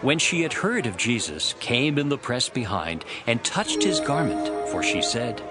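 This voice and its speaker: This male narrator dramatizes scripture, telling it with theatrical storytelling flair. His mid-range voice is very animated and a little slow. Music plays loudly in the background.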